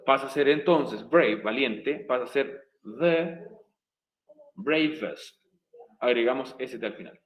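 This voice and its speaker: A man's voice: medium pitch, takes it slowly, dull audio. A male English teacher, patiently explaining grammar step by step in a recorded online class. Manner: patient, repeats and spells out each step.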